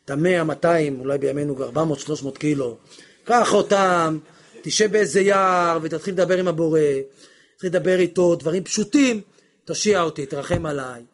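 A man teaching a religious lesson on prayer, impassioned, swinging from hushed asides to shouts and acting out little dialogues. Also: on the high side.

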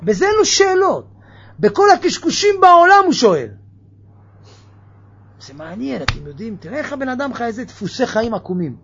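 A man giving a lively religious sermon, firing off mocking rhetorical questions. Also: very high-pitched, vocal fry, long pauses, highs cut off, slight background noise. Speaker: preacher.

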